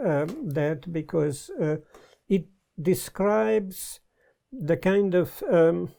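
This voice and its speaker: Slow, gravelly older man with a Hungarian accent. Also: a little high, mellow. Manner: thoughtful, halting, with many pauses and fillers. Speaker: guest. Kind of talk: casual conversation. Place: study lined with bookshelves, indoors. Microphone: lapel mic.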